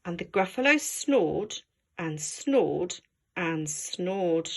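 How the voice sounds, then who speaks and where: A woman reading a children's story aloud as a teacher, expressive and dramatic, engaging young listeners. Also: lowish voice, very slow, vocal fry.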